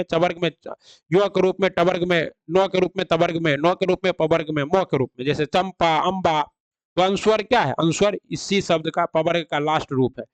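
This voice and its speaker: A man gives an online grammar lesson, setting out each rule and then quizzing the listener with questions he answers himself. His voice is smooth and clear and sits a little high. It is recorded close up in a dry room. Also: no echo. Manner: explains rules then quizzes with rhetorical questions. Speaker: Hindi grammar teacher. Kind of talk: online exam-prep lecture.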